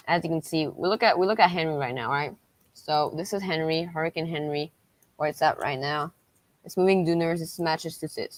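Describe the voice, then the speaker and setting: A woman hosting a livestream as a weather tracker, talking through storm updates unscripted in a halting, repetitive way. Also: deep voice, no room sound.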